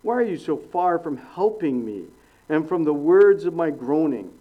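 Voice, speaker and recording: A middle-aged man preaching an expository sermon, earnest and emphatic, swinging between sudden loud rises and hushed drops. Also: fairly high pitch, lively intonation, moderate pace, dull audio.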